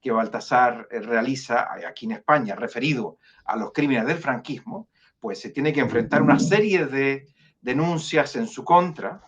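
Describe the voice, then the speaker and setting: A man with a Chilean accent speaks as the guest of an online interview at a middling pitch. He is measured and hesitant, full of fillers and restarts. The call audio sounds a little dull and lo-fi. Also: a bit bright. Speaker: foundation director, guest.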